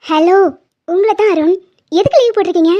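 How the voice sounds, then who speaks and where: A woman's voice: very high-pitched, fairly quick, dark tone, dull audio. A woman voicing a playful young wife in a cartoon, coy and teasing.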